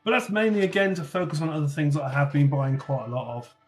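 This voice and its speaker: Chatty man, higher voice. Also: animated, fast talker. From North Somerset, England. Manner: chatty, reads and answers viewer comments, swears casually. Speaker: livestream host. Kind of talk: casual livestream chat.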